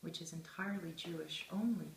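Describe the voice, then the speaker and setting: Young woman, low pitch, reflective interviewee, pausing as she thinks; echoey room. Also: creaky. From Israel, of Russian immigrant background. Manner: thoughtful, deliberate, pausing mid-phrase. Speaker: interviewed journalist and film student. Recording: echoey room with faint background noise.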